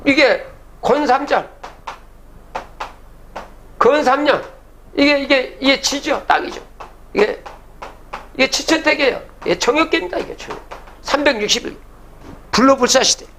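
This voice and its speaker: A man's voice: very high-pitched, normal speed, long pauses, a bit bright, a little hiss or hum. An older man giving a public lecture, reciting old verses and then explaining them, often asking the audience rhetorical questions.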